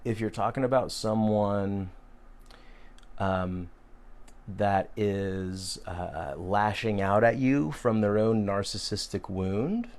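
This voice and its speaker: Man in his thirties, low gravelly voice, casual live Q&A host, frank and rambling. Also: slow pace, a little mellow. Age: 30s. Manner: rambling, frank, with frequent fillers and restarts. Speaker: host answering viewer questions.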